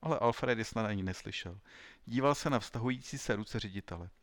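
Low-voiced man reading a story. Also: dry recording. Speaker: narrator. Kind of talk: audiobook reading.

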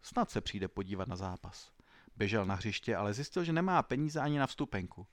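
A man narrating a story in an even, clear storytelling manner. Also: lowish voice, no echo. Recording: dry close studio sound.

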